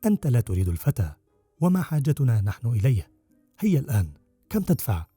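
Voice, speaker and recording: A man's voice: mid-range voice, big pitch swings, fast talker, warm tone, husky, dry recording, faint music behind. A man doing a sly, cunning outlaw. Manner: sly, self-assured. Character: cunning, bold adult male outlaw.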